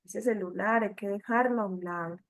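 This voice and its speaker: A woman's voice: mid-range voice, normal speed. A woman leading an online training talk for catechists, speaking directly to them. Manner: direct, addresses listeners as catechists. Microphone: computer mic on video call.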